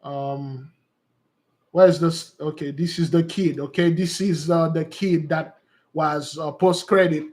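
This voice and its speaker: In a somewhat high, darkish voice, a man gives an informal, unscripted teaching monologue, rambling and repeating himself. Like a preacher, he addresses his listeners as "beloved brothers and sisters."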